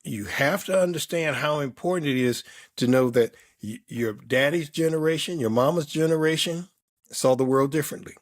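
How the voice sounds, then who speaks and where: A man's voice: on the high side, moderate pace. A man in his fifties or older, a performance coach answering interview questions in an emphatic, reflective way, stacking repeated words in lists.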